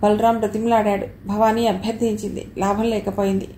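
A woman reading a novel aloud as an audiobook narrator, with a steady storytelling manner. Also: mid-range voice, brisk. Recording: echoey room with faint noise.

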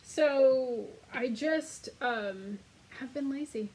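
A woman co-hosting a casual podcast, talking in a relaxed, self-deprecating way. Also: sits high, drawn-out words, husky, poor audio. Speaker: podcast co-host. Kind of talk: casual chat.

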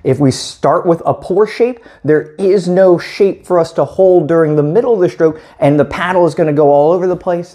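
A man's voice: a little high, mellow. A man in his thirties, a paddling coach, explaining stroke technique methodically while he demonstrates in a small indoor room. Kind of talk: instructional demonstration.

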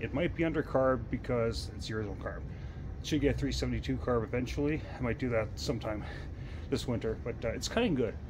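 A man's voice: mid-range voice, fast. A man in his thirties, chatting casually to the camera outdoors in a fenced backyard, matter-of-fact and full of "uh" fillers, recorded on a camera mic a few steps away. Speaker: chainsaw vlogger. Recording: clear outdoor noise behind.

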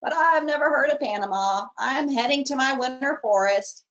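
A woman voicing a big caribou who speaks loudly and plainly, with a snorting, matter-of-fact delivery in a storybook reading. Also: high voice, moderate pace, highs cut off, voice pushed up, natural voice.

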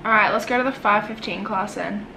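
A woman's voice: medium pitch, brisk, creaky, background noise. A young Australian woman chatting casually in a vlog, swearing freely and giggling. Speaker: vlogger.

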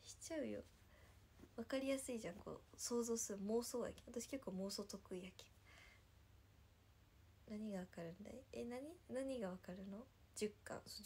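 A young woman in her twenties speaks with a Nagasaki dialect and a high, light voice. She chats with her stream viewers in a bubbly, talkative way, laughing often. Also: warm tone, a little hiss or hum. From Nagasaki, Japan. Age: 20s. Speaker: livestreamer. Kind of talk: casual livestream chat with viewers.

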